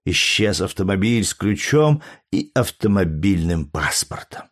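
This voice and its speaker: A man reading a travel story aloud as narrator, in a measured, lightly dramatic way. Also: low-pitched, big pitch swings. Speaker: audiobook reader. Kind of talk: scripted narration.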